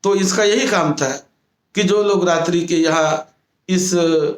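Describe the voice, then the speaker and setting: In a sermon, a Buddhist monk slowly retells a moral story, often restating his phrases. His voice sits high with fairly even intonation, and the room is echoey.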